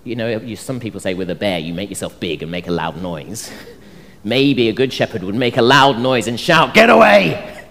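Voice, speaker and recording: A man's voice: fairly low pitch, fairly quick, fairly bright tone. A man preaching a sermon, telling the story with energy and acting out the voices he quotes. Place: church hall. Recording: long reverb of a church hall.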